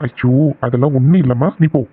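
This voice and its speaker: A man's voice: mid-range voice, fast talker, breathy edge, close to an everyday voice. A man voicing a protective cartoon big brother. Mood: reassuring. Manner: soothing, reassuring. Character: caring elder brother, young man, calm and protective. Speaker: elder brother. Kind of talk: cartoon voice acting. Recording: tinny phone-like sound.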